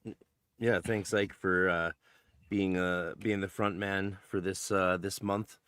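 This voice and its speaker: Man, very low voice, halting friendly podcast chat, dry close sound. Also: flat delivery, smooth, dry recording. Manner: hesitant, many fillers and restarts, gently humorous. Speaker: podcast co-host. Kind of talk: casual roundtable chat.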